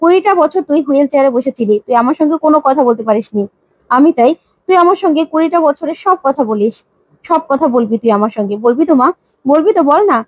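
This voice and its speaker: A woman's voice: sits high, lively intonation, fast talker, no room sound, dull audio. A woman voicing a determined young daughter who insists earnestly, in a retold serial story.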